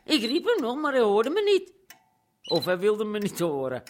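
A woman's voice: a little high, huge pitch swings, moderate pace, slight background noise. An actress playing a bedridden woman chatting and gossiping with a visitor. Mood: gossipy.

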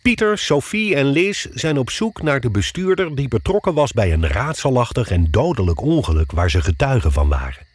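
A man narrating a radio drama, recapping the story in a measured way. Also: medium pitch, big pitch swings, breathy edge, no echo. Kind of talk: scripted narration.

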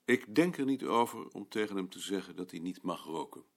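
A man's voice: low-pitched, animated, brisk. An actor playing a blunt, stubborn male office colleague who speaks dismissively. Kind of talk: drama acting.

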